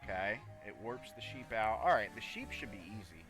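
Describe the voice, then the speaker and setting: A man's voice: fairly low pitch, animated, normal speed, a bit bright, faint music behind. A man giving casual, rambling live commentary as he plays a game, often talking to himself. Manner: rambling, talks to himself while playing. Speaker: gaming streamer.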